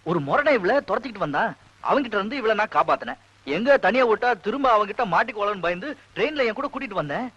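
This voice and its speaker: A man's voice: high-pitched, expressive, quick pace, sharp tone, slightly rough, dull audio, heavily acted. A young actor playing an earnest army-captain son who pleads with his father.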